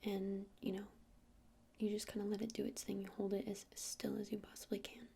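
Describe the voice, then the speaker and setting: Whispering breathily with a creaky edge, a female ASMR roleplayer takes on the part of a kindly crystal-shop witch who also sells incense. She rambles gently and hesitantly, her monotone whisper at medium pitch moving a little fast.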